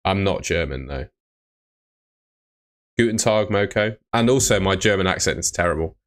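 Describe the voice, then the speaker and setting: A young adult man from Bristol, England, streams about fantasy football from a small indoor room. His low voice is relaxed and chatty at a normal speed as he reads viewer comments and answers questions from chat.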